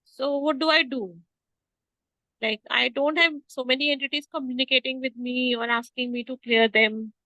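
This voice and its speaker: A woman's voice: sits high, fairly even intonation, moderate pace, sharp tone, no echo, poor audio. A woman taking part in an online class, asking a question over a video call, eager and hesitant with fillers. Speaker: class participant.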